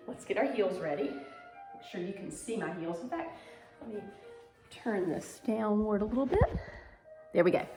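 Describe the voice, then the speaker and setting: In an echoey room with music, a woman gives an instructional video lesson on pantomime and ballet. Her medium-pitched voice is a little mellow, and she demonstrates as she goes, adding dramatic emphasis.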